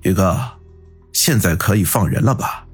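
A man's voice: fairly low pitch, sing-song, normal speed, breathy edge, soft background music, exaggerated voice. A man playing a cold menacing gang boss. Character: cold scheming middle-aged gang boss.

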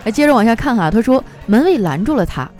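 A woman's voice: fairly high pitch, big pitch swings, fast talker, darkish tone, faint music behind. A woman radio host reading out listener jokes in a playful, chatty way. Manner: playful, chatty, mimics voices for quoted people. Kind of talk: casual comic storytelling.

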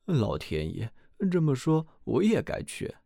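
A man voicing a cheerful, foolish young simpleton in a storybook reading, loud and carefree. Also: medium pitch, wildly swooping pitch, unhurried, vocal fry, no room sound, clean studio sound, full character voice. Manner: boisterous, carefree.

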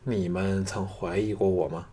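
A man's voice: sits low, fairly even intonation, moderate pace, mellow, breathy edge. A man voicing a cool, commanding young hero who speaks curtly and coldly. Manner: curt, cold.

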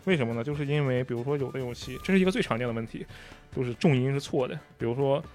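Casting: quick, mid-pitched male co-host, precise and analytical, faint music bed. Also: expressive, a little mellow. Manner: detailed, analytical, acts out line readings. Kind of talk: casual gaming chat.

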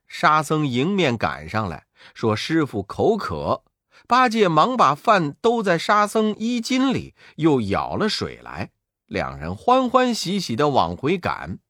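Slow, expressive male storyteller. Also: fairly high pitch, dry recording, clean studio sound. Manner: expressive, sing-song. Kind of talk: children's story narration.

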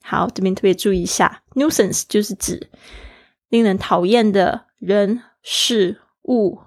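A woman's voice: medium pitch, a little slow, dry recording, studio quality. Woman teaching English, spelling words out. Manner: spells words out letter by letter and repeats them; mixes English phrases into her explanations. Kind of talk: online English lesson, explaining vocabulary.

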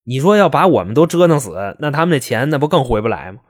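A man voicing a grieving, enraged husband who shouts, swears and defends himself. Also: mid-range voice, very animated, fast, breathy edge. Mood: defensive. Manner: wailing, shouting, swearing, then pleading his innocence. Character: grieving then furious middle-aged husband.

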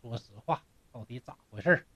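A man's voice: mid-range voice, fairly quick, pushed and bright, voice pushed down. A male storyteller voicing a pushy friend who teases and coaxes for a secret. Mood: teasing. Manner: coaxing, teasing.

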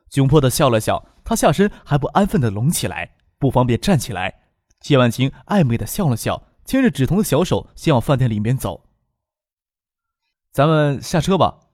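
Expressive male audiobook narrator, dry sound. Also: medium pitch, a little fast, dry recording. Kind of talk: scripted novel narration.

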